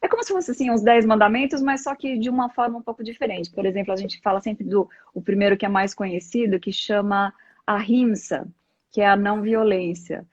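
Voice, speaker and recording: Speaking fairly quickly in a medium-pitched, darkish voice, the middle-aged Brazilian woman explains things reflectively with examples as a live interview guest who practices yoga. The recording is dry, and the live stream sound is dull and lo-fi.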